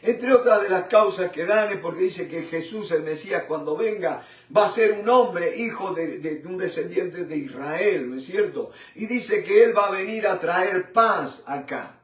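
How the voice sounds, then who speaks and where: Fervent male Bible teacher, high voice, halting restarts; echoey distant room recording. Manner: fervent, repeats "mi hermano" and "¿no es cierto?"; halting with restarts, swells and drops in loudness. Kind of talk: Bible study sermon. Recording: roomy echo from a distant mic.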